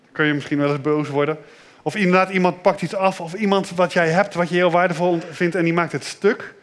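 A man giving a children's sermon in a simple, gentle way, asking the children questions and repeating their answers. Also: sits high, fairly even intonation, a little fast. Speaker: children's pastor.

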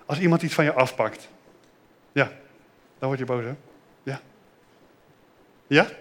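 A man giving a children's sermon in a simple, gentle way, asking the children questions and repeating their answers. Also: mid-range voice, unhurried. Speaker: children's pastor.

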